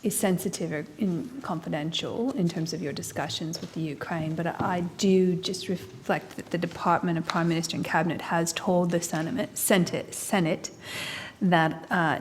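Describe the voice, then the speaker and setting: A woman with a lowish voice presses officials with measured, persistent questions at a committee hearing. Her voice carries a long reverb from a large hearing room, with faint ambient noise behind it.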